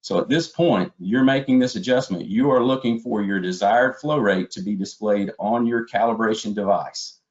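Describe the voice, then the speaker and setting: Narrating instructional slides as a webinar trainer, this man walks through his material methodically, step by step. His voice sits fairly low, and he keeps a moderate pace with hardly any pauses. The audio is dull, lo-fi webinar sound.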